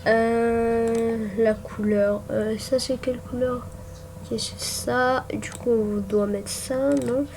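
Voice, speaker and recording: This gaming YouTuber, a young woman, talks slowly and flatly in a high but darkish voice while ranking things on her computer. Her screen-recorded commentary is casual and halting, packed with fillers and restarts, with typing and faint noise behind her.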